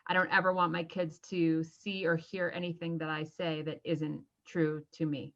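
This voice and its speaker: Chatty woman guest laughing easily, bright voice, kinda muffled lo-fi sound. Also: sits low, little pitch movement, moderate pace. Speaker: guest, social media strategist. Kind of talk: podcast interview.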